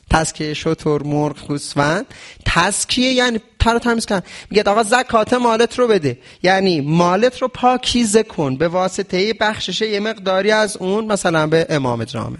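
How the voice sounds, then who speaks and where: A man with a high voice gives a lesson on diet during fasting. He often asks questions as if he were the audience and then answers them himself. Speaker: traditional medicine teacher. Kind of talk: religious health lesson.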